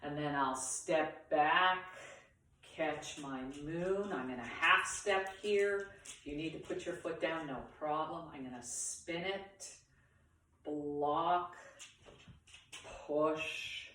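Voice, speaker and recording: Woman tai chi teacher, low slow voice, short paused instructions, super echoey and far from the mic. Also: fairly bright tone. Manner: talks through movements in short, pausing instructional phrases. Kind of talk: guided movement lesson for beginners.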